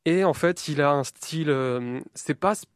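A man's voice: fairly high pitch, normal speed, clear, resonant tone, no echo, clean studio sound. A man co-hosting a casual sports show, breaking down a fighter's style in a methodical and enthusiastic way. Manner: enthusiastic, methodical, self-deprecating. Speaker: co-host of a combat sports show. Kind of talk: casual sports debrief, detailed fighter analysis.

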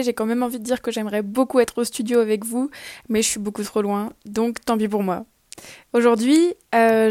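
A woman reading her regular radio column in a chatty, upbeat way, pausing on fillers now and then. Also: mid-range voice, mellow, no echo, clean studio sound. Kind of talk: scripted podcast recommendation.

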